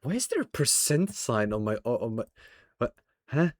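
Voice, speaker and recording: The streamer, a young man, jokes and swears with viewers during a game livestream, rambling and stammering as he talks. His mid-range voice is very animated at a moderate pace, captured in a dry, clean studio recording.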